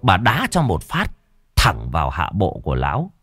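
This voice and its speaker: Playful male comic storyteller, lively delivery. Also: low-pitched, moderate pace, husky, dry recording, soft background music. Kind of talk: comic folk-tale narration.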